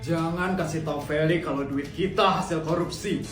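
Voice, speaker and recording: A smug, corrupt father with a low, hushed voice, as a performer puts him on. The room sounds roomy, with music behind. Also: fairly even intonation, moderate pace, lightly acted. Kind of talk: comedy skit voice acting.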